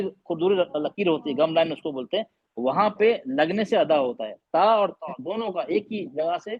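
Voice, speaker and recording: Husky high-voiced man teaching over a call. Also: dry recording. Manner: demonstrates letter sounds repeatedly and quizzes students. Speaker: Quran recitation teacher. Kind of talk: online class teaching. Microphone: video call. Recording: dull lo-fi online call audio.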